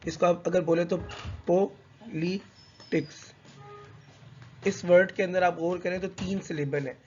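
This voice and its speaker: Male teacher, slightly high voice, hesitant explainer, dull lo-fi recording. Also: fairly even intonation, background noise. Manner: reads English slowly, then explains in conversational Hindi mixed with English; hesitant, with fillers and self-corrections. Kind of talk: explanatory lecture.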